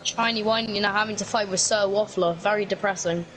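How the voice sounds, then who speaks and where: A woman's voice: medium pitch, steady tone, brisk, fairly bright tone, slight background noise, rough recording. A woman co-commentating a sim race in a casual, chatty way, reading out the chat and exclaiming at the action. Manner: chatty, reads chat aloud, frequent exclamations.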